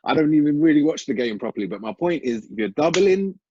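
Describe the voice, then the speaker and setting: A man in a casual basketball podcast, chatty and quick to jump in. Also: on the high side, animated, mellow, breathy edge, no room sound. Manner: chatty, interjecting, says "mate". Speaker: podcast panelist. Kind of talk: casual sports chat. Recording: dry dull lo-fi sound.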